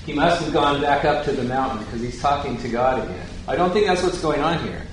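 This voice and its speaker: A man's voice: fairly high pitch, lively intonation, fast talker, a little hiss or hum. Man teaching scripture in an echoey hall. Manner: questions the audience, paraphrases scripture casually. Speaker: Bible teacher. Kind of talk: conversational Bible teaching. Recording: very echoey room, faint ambience.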